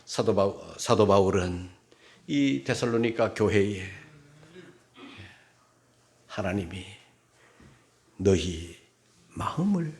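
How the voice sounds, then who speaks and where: Gravelly-voiced Korean pastor preaching. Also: male voice, animated, slow pace, pauses often. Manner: swings from soft, low musing to loud, shouted scolding impressions. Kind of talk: sermon. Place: church sanctuary.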